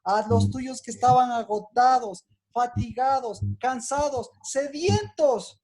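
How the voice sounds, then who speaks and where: Excitable woman preacher quizzing her listeners. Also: fairly high pitch, takes it slowly. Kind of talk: interactive Bible teaching.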